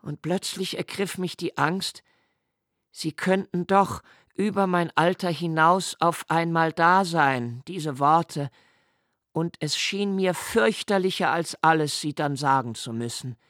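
This is studio-recorded first-person narration in a literary radio play: a middle-aged man speaking quietly, measuredly and introspectively. His voice leans a little high, and the recording is dry.

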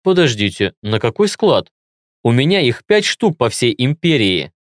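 Brisk businessman, as a narrator reads him. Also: mid-range voice, big pitch swings, no room sound, studio quality, lightly acted. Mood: businesslike. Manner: matter-of-fact. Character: middle-aged male businessman, brisk and practical. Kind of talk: audiobook dialogue.

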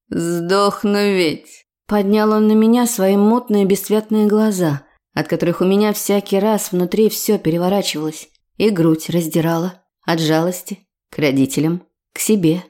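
Female audiobook narrator, first-person story read with expressive feeling. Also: mid-range voice, normal speed.

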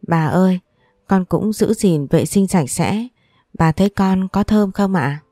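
A woman's voice: mid-range voice, measured pace, mellow, no echo, clean studio sound, lightly acted. A woman doing a sweet polite little boy. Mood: sweet, curious. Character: small gentle little boy, affectionate and polite. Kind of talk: storybook reading.

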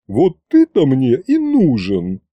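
A man voicing a brash, indignant older woman who shouts in folksy dialect speech. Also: mid-range voice, wildly swooping pitch, slow, no room sound, muffled recording, full character voice.

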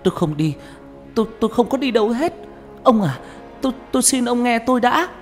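A man's voice: extremely high pitch, animated, brisk, pitched above the performer's own voice. A man voicing a terrified pregnant young woman who stammers and begs, in an audiobook with reverb and background music. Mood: frantic pleading. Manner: pleading, stammering, frantic.

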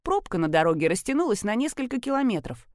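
A woman reads a first-person detective story aloud in a lively way, with wry asides. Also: mid-range voice, quick pace, dry recording, clean studio sound. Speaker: audiobook narrator. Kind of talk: scripted first-person narration.

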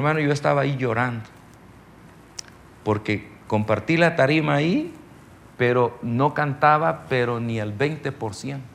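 Teaching a ministry seminar, a middle-aged pastor preaches loosely and leans on stories. His typical male-pitched voice has a gravelly edge, and he keeps turning to the audience to make sure they are keeping up, with faint noise behind him.

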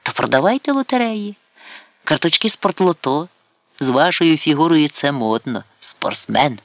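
A man's voice: on the high side, expressive, normal speed, fairly bright tone, dry recording, voice pushed up. A man reading an audiobook and voicing a vain, boastful aging woman who talks coyly and mixes Russian words into her Ukrainian. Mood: scornful. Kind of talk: audiobook character voice.

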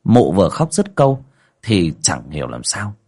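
A man's voice: low-pitched, normal speed, slightly rough. A man hosting a livestream, reading a village ghost story aloud with dramatic storytelling. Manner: dramatic storytelling with lively rises and falls.

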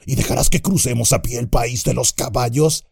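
A man voicing a resentful, quarrelsome male orc from the mines in an audiobook, shrill and argumentative. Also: normal speed, gravelly, a little mellow, breathy edge, dry recording, clean studio sound. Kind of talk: audiobook character voice.

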